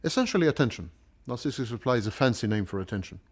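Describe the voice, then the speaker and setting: A man giving a confessional interview in a calm, clinical, detached manner. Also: mid-range voice, racing, husky.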